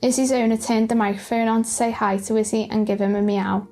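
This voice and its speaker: A woman's voice: fairly high pitch, little pitch movement, a little fast, darkish tone. A woman reading scripted narration for light news video clips. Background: music.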